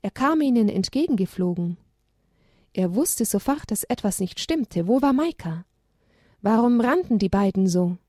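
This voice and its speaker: A woman reading a children's story aloud in a gentle, expressive way. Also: mid-range voice, moderate pace, dry recording, clean studio sound.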